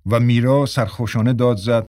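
A man narrates in a measured, steady storytelling voice. His pitch sits in the middle range, and the recording is close and dry with no room echo. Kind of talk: scripted narration.

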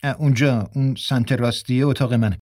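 A man's voice: mid-range voice, steady tone, darkish tone, no room sound, studio quality, lightly acted. A male narrator voicing a young actor who apologizes hurriedly yet keeps a proud, defiant edge. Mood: apologetic.

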